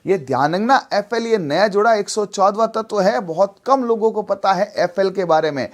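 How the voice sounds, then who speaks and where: A man's voice: sits high, expressive, normal speed. A man teaching chemistry, repeating his points and asking and answering his own questions. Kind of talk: classroom lecture with call-and-response drills.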